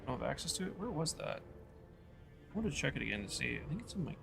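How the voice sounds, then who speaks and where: A male game streamer chats casually, rambling and thinking aloud with plenty of fillers. His pitch is middling but moves around a lot. Faint music plays in the background. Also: very animated, fast, gravelly. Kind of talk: casual gaming stream chat.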